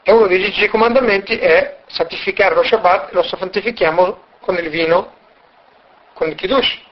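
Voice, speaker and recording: Man, religious teacher, animated storyteller, high voice, muffled lo-fi recording. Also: moderate pace. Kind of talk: storytelling lesson.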